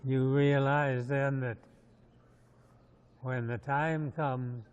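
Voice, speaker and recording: A man's voice: medium pitch, level tone, very slow, darkish tone, clear, resonant tone. An American man in his nineties, a war veteran from Montana, reflectively recalling his past in an interview. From Montana, USA. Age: 90s. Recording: slightly dull interview sound.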